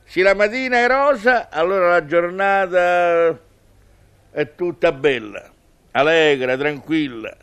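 A man's voice: high-pitched, takes it slowly, fairly bright tone, smooth. A man with a Roman accent delivering a humorous, musing monologue in colloquial dialect, conversational and wry. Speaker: comic monologist.

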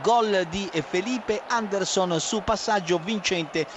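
High-voiced man reporting live football. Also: slow pace. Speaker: football commentator. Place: football stadium commentary position. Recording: outdoor stadium noise behind voice.

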